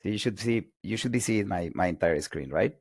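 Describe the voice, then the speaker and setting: Low gravelly-voiced man from Colombia. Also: brisk, no echo, studio quality. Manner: energetic, self-correcting repeats. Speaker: guest lecturer. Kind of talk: online lecture.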